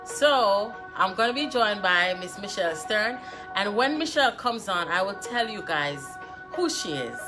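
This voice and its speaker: Slow-talking Jamaican woman hosting a live stream. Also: mid-range voice, lively intonation, over music. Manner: chatty, greets viewers by name, slips into patois. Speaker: host of a live political discussion. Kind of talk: casual live-stream chat. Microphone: phone.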